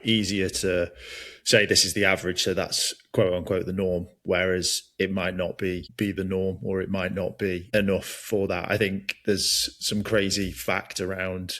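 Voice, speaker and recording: A man hosting a podcast interview, speaking in a measured way with many hedging fillers. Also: low-pitched, flat delivery, a bit bright. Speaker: podcast host.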